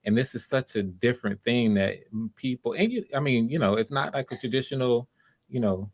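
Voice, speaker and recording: Casting for a project, this host runs online voice auditions in an upbeat, supportive, chatty way. His medium-pitched voice is expressive, fairly quick, and darkish in tone.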